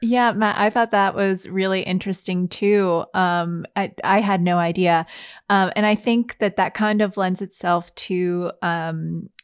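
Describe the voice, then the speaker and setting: A woman's voice: on the low side, fairly even intonation, a little slow, clear, resonant tone. A woman editor chatting casually on a news roundup podcast, hesitant with frequent ums and easy laughter. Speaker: newsletter editor.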